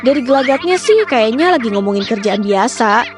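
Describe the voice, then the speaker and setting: A woman's voice: on the high side, expressive, brisk, music in the background. A young adult woman from Indonesia with speech, telling a personal story casually in the first person.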